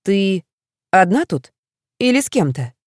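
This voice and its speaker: A woman voicing a calm young man who speaks briefly and quietly. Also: medium pitch, a little slow, dry recording, clean studio sound.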